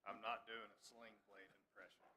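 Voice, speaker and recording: A man, a district attorney speaking in a folksy, halting way at a ceremony. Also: lowish voice, flat delivery. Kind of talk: brief remarks at a ceremony. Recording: loud background noise at a live event.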